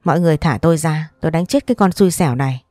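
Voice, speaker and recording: A woman's voice: on the low side, fairly quick, dark tone, dry recording, studio quality, lightly acted. A woman voicing a grieving middle-aged aunt who screams accusations and wails in an audio story. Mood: wailing rage.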